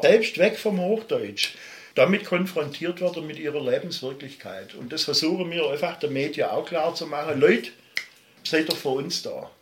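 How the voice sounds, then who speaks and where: A middle-aged musician from Baden-Württemberg, Germany, speaks with a Swabian accent as an interview guest, his voice a little high and the room echoey. He talks at length with passion and emphasis, often drifting off on tangents.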